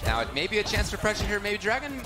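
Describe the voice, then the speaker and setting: A man giving animated live colour commentary on a fighting game, stretching out his exclamations. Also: sits high, fast talker. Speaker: esports commentator. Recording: loud music behind the commentary.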